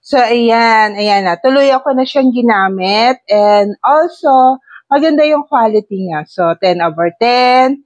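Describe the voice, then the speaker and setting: A woman's voice: fairly high pitch, lively intonation, takes it slowly. A middle-aged woman with a Filipino accent, a nasal voice from a cold, chatting through a home demo of a clip-on mic as she moves between rooms. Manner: chatty, talks viewers through steps. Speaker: vlogger. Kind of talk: casual product demo. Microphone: wireless clip-on mic and phone.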